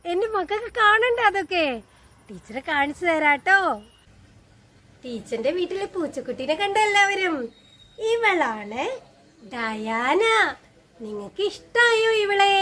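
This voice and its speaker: Sing-song high-voiced woman teacher. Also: fairly bright tone. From Kerala, India. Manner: slow, sing-song, coaxing questions to children. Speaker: special-needs teacher. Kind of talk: online class for young children.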